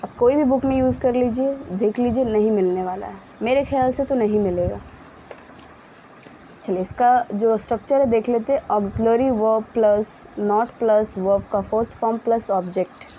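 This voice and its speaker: A woman teaching English grammar in Hindi, saying example sentences very slowly and then explaining quickly, often correcting herself with small apologies. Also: on the high side. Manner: self-correcting, apologetic asides. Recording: dull lo-fi sound with faint background hiss.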